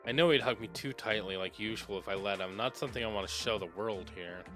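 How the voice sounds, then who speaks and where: A man streaming, reading a visual novel aloud with expressive narration while sniffly with a cold. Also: on the low side, fast, over music. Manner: expressive narration, breaks off to joke and apologize. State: sneezing, stuffy nose.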